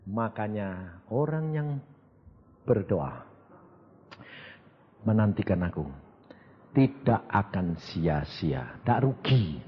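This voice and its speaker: A man's voice: lowish voice, very animated, slow, pauses often, big-room sound, highs cut off, slight background noise. A man preaching a sermon in Indonesian with a Javanese accent, telling stories animatedly and acting out dialogues. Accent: Javanese-tinged Indonesian. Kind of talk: sermon with anecdotes.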